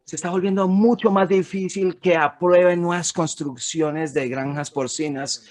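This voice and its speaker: A man's voice: sits high, fairly even intonation, normal speed, darkish tone. A man, an economist, giving a frank, emphatic webinar presentation over slides, with some fillers and restarts. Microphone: webinar recording.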